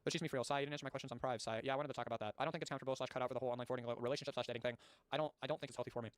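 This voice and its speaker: A man's voice: mid-range voice, fairly even intonation, very fast, dry recording. A male streamer reading documents aloud with live commentary, often stumbling over words and breaking off into exasperated, profane asides.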